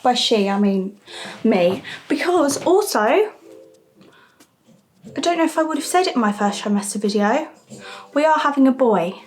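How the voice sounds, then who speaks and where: A woman's voice: fairly high pitch, animated, moderate pace, long pauses, soft background music. A young woman talking casually to camera for her vlog, chatty and candid with little asides, audibly out of breath. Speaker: vlogger.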